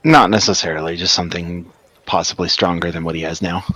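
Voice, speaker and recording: A man's voice: deep voice, fairly even intonation, fast, sharp tone. A man playing a tabletop game with friends, speaking casually as a player.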